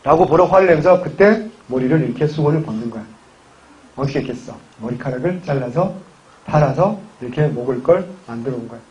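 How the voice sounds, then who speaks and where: A man's voice: mid-range voice, lively intonation, quick pace, darkish tone, lo-fi sound. A man lecturing on history in a classroom, chatty, with joking asides to his students. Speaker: civil service exam history lecturer.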